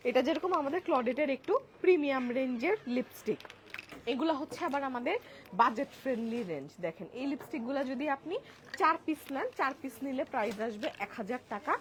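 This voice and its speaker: Inside a crowded store outlet, a woman hosts a live-stream sale, presenting products and addressing viewers as apu in a chatty way that swings from soft to loud. She speaks fast, high-pitched, with lively intonation. The clip-on mic recording carries the busy hum of shoppers talking around her.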